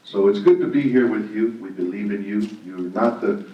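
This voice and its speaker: Deep-voiced pastor heard from far off. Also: male voice, normal speed. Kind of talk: panel self-introduction. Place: event hall. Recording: distant, echoey and dull.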